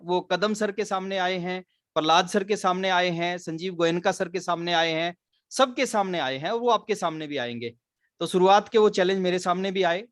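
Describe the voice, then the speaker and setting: A man's voice: high voice, fairly bright tone, no room sound, clean studio sound. A man, giving an earnest motivational business training talk, mixing English words into his speech. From Haryana, India. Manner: earnest storytelling, mixes English words into Hindi.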